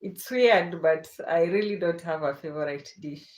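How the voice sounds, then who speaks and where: On a late-night livestream, a Kenyan host chats casually and unhurriedly with her viewers, going through their comments and laughing a lot. Her voice is on the low side at a moderate pace, and the audio sounds dull.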